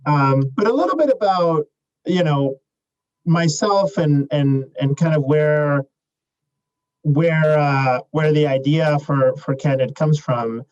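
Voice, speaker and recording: Man from chile, young adult, fairly high voice, measured answers full of fillers, muffled lo-fi audio. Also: a little mellow. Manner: measured, with many fillers and restarts. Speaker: startup CEO guest. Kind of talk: interview answers.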